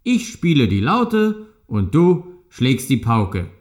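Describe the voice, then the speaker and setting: A man's voice: medium pitch, wildly swooping pitch. A man doing a persuasive storybook donkey. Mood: überredend. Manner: brisk, persuasive. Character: sensible male donkey, leader of the group.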